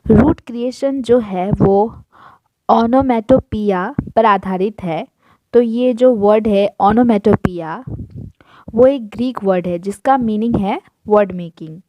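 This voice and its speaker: A woman's voice: mid-range voice, slow pace, dark tone. A woman teacher explaining a lesson step by step, listing examples one after another. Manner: methodical, lists examples one by one. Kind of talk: explanatory lesson in Hindi-English mix.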